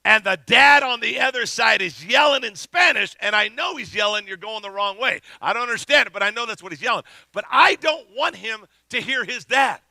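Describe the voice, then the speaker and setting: A middle-aged man preaches with animated storytelling, his voice pitched high with a gravelly edge. The tone is sharply bright, and he sometimes rises to a shout. The sound is dry and close. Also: brisk, few pauses, no room sound. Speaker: pastor. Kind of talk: sermon with storytelling.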